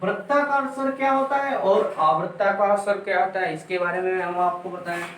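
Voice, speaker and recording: A man's voice: high voice, steady tone, normal speed, a bit bright, distant mic. A male teacher giving an exam-prep lecture, repeating points and drilling sounds aloud for his students. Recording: echoey room, voice from afar, faint noise.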